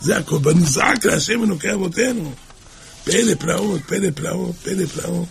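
A man giving a religious sermon, telling a tale with dramatic swings between shouting and hushed speech. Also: sits high, creaky, a little hiss or hum. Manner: dramatic storyteller, shouts and drops to near whisper.

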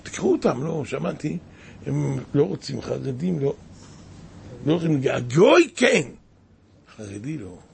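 A man's voice: a little high, big pitch swings, vocal fry, pauses often, a little hiss or hum. A man preaching a sermon as a rabbi, impassioned and exclaiming, with many rhetorical questions.

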